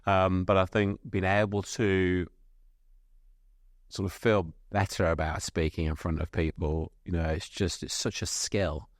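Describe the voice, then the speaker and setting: A man's voice: sits low, level tone, measured pace, no echo, studio quality. A middle-aged man hosting a podcast, talking enthusiastically and rambling with many restarts. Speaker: podcast host. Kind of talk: casual interview chat.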